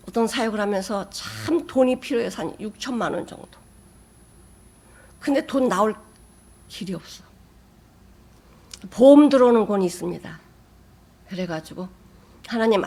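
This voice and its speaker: A woman pastor giving a sermon, who swings from loud emphatic bursts to soft, near-whispered asides. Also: a little slow, pauses often. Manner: emphatic, with sudden rises in pitch and loudness.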